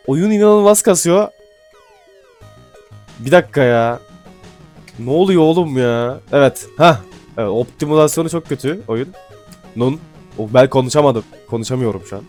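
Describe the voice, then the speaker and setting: A man giving casual gameplay commentary, excitable and swearing casually, then dropping to mumbling asides. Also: on the high side. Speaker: gaming YouTuber. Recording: faint music behind.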